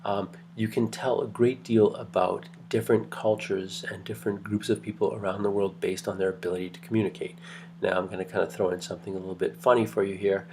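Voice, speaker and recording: A man's voice: on the low side, level tone, fast, a little hiss or hum. A man giving a recorded anthropology lecture from home late at night, keeping his voice down, chatty and rambling, with lots of ums and restarts. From Greece heritage. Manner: rambling, conversational, many fillers and restarts; kept quiet, late at night.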